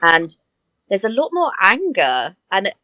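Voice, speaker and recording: A woman who works as an air hostess, telling stories in a chatty, animated way with laughing asides. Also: medium pitch, measured pace, no echo. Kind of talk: casual interview chat.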